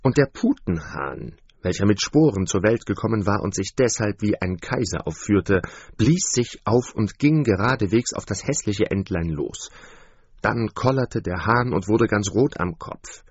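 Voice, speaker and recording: A man reading a fairy tale aloud in an expressive storybook manner, on a dull, dry recording. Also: lowish voice, measured pace, slightly rough, no room sound.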